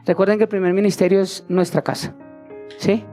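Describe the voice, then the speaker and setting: A man in his forties preaching a sermon, telling a personal story with lively acted-out dialogue. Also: high voice, a little fast. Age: 40s. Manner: animated storytelling, acting out quoted voices. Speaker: pastor. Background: faint instrumental music.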